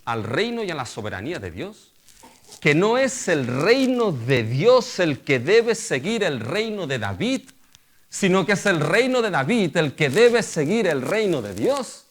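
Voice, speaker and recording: A man's voice: on the high side, sing-song, measured pace. A middle-aged male pastor delivering a sermon. He keeps asking the congregation rhetorical questions and addressing them as brothers.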